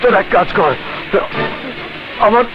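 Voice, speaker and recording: An actor playing a wounded older brother dying of a gunshot, speaking weakly and slowly. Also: male voice, high-pitched, expressive, background noise. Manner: weak, slow pleading speech. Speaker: film actor. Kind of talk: melodramatic film acting. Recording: dull lo-fi film audio with music.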